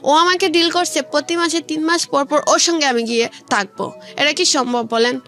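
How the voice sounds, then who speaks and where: A young Bangladeshi-accented woman recounts her life in a relaxed, colloquial way for a radio interview, frequently repeating conversations word for word. She has a high, slightly bright voice and a moderate pace. Music plays behind her in the studio.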